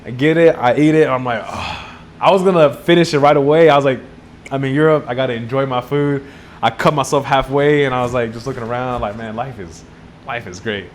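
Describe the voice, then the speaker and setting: A man's voice: medium pitch, fairly even intonation, fast talker, a little hiss or hum. Laughing young man with a Texan accent. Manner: rambling, laughs often, acts out quotes. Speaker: podcast co-host back from a trip. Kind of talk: casual chat.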